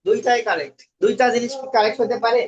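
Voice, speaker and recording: A man's voice: extremely high pitch, rapid-fire. A man teaching an English lesson, quizzing his students and mixing English words into his talk. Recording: dull lo-fi recording.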